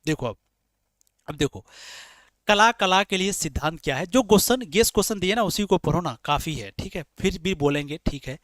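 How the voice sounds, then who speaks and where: Male tutor with a high voice for an exam-prep class, explains by repeating himself and answering his own questions. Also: fairly quick, hardly any pauses, a bit bright, no echo. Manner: repetitive, explains in rhetorical questions, calls students dear children. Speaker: teacher.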